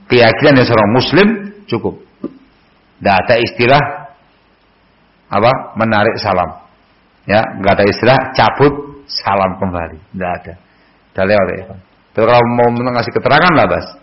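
A man teaching a hadith book in a mosque, chatting with his audience and quizzing them, and chanting the Arabic passages louder. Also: mid-range voice, highs cut off. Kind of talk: mosque study lecture.

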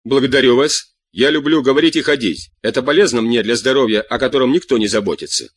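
A man's voice: medium pitch, quick pace, slightly rough, dry recording, lightly acted. Man reading as a cool, sardonic king. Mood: calm. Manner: cool, sardonic, lectures at length. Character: calm stubborn middle-aged king, dryly ironic. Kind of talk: audiobook reading.

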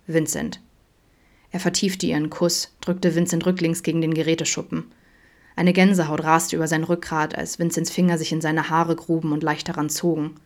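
Low-voiced woman reading an audiobook calmly. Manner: calm, soft, even reading. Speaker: audiobook reader. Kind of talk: audiobook narration.

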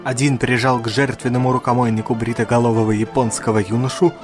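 A man reads a literary audiobook in a steady, even narration. His voice sits at a middle pitch. Faint music runs underneath. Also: fast talker. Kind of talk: audiobook reading.

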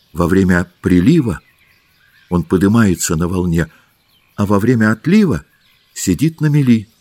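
A man narrating an audiobook in the first person, calm and unhurried. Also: lowish voice, husky, no echo.

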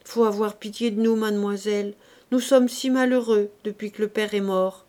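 A woman's voice: mid-range voice, steady tone, normal speed, mellow, natural voice. A sullen young peasant man begs for charity in a whining, pleading tone, read by a woman narrating an audiobook. He sounds like a character in a spoken storybook.

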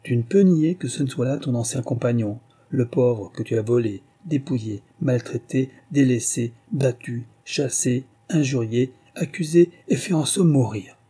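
A man's voice: medium pitch, unhurried, few pauses, dark tone, breathy edge. A man voicing a stern, unforgiving king who gives orders in a raised voice in an audiobook reading. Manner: commanding, raised voice.

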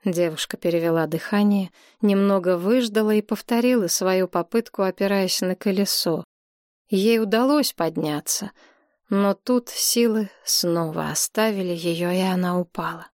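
A woman reading an audiobook as narrator, in steady, even storytelling. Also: mid-range voice, normal speed, dry recording, studio quality. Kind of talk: scripted narration.

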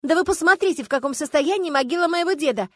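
A woman voicing a haughty, indignant rich lady who speaks shrilly and loudly in an audiobook. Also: fairly high pitch, lively intonation, fast talker, no echo, clean studio sound, pitched above the performer's own voice. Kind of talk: audiobook character voice.

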